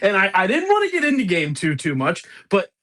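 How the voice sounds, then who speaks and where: A young man with a Pittsburgh accent co-hosting a casual sports podcast, loose and excitable, laughing often. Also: high-pitched, a little fast. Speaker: podcast co-host.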